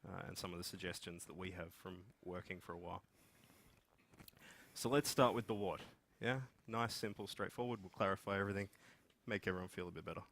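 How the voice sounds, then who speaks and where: A software development manager with an Australian accent gives an informal talk as one of the speakers at a conference, indoors in a meeting room before a seated audience. His voice is deep and fairly bright with vocal fry, a little fast, with a slight hiss or hum.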